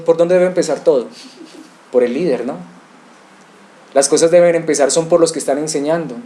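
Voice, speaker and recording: A man's voice: a little high, warm tone. A male pastor preaching an expository sermon, asking rhetorical questions and addressing the congregation directly.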